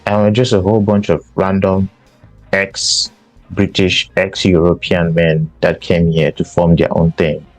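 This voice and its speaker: A man's voice: low-pitched, little pitch movement, a little slow, no room sound, faint music behind, low-quality recording. A man from Cameroon, hosting a podcast and giving an emphatic political commentary monologue. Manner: emphatic, repeats himself for stress. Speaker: podcast host.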